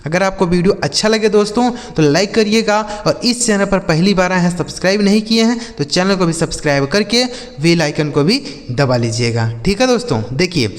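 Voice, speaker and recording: A man teaching a spoken lesson, spelling letters out slowly and repeating questions to the viewers before answering them. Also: high voice, animated, in a large hall. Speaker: English teacher.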